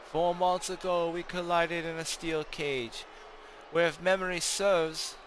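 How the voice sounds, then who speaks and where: A man playing an arrogant, boastful wrestling champion who talks down to his challenger with drawn-out emphasis. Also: a little high, fairly bright tone, a little hiss or hum. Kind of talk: hobby wrestling storyline role-play.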